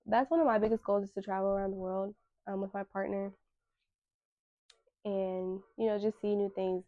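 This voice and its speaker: A woman's voice: mid-range voice, fairly even intonation, normal speed, no room sound, lo-fi sound. A woman in her twenties hosting a casual solo talk, candid and slangy, with emphatic repetition. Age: 20s. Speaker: podcast host.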